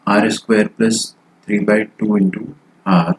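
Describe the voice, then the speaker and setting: A man teaching maths in a live online lecture, working problems out loud in Hindi-English and checking in with students with frequent tag questions. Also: on the low side, level tone, a little slow, a little hiss or hum, poor audio. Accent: Indian. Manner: thinks aloud while solving, mixes in English phrases.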